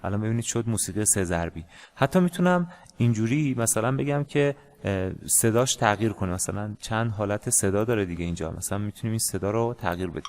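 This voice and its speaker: Man, music teacher, casual lesson, hesitant with fillers, somewhat low voice. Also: expressive, darkish tone. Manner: hesitant, many pauses and fillers. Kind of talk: casual screen-share lesson.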